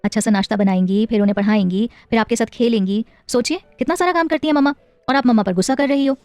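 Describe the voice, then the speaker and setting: A woman voicing a playful, doting young husband and father in an audio story, speaking gently and coaxingly. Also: on the high side, fast, dry recording, lightly acted.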